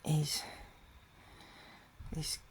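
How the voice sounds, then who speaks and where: A man's voice: drawn-out words, a little mellow, a little hiss or hum. A man giving a casual video update, talking in a hesitant, rambling way with many fillers and restarts, and often dropping to a whisper. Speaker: vlogger.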